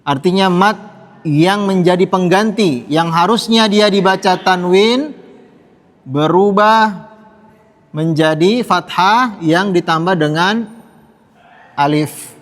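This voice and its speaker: High-voiced ustaz teaching in a hall. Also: male voice, slow, long pauses, fairly bright tone. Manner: patient, repeats sounds for the class to echo. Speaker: Quran recitation teacher. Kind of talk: classroom tajwid lesson. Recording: long reverb in a hall.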